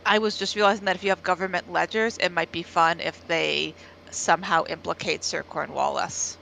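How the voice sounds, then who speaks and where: Gravelly, bright-voiced woman rambling. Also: on the low side, fairly even intonation, moderate pace, a little hiss or hum, rough recording. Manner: rambling, hedging with fillers. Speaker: tabletop game player. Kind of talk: casual chat at a game table.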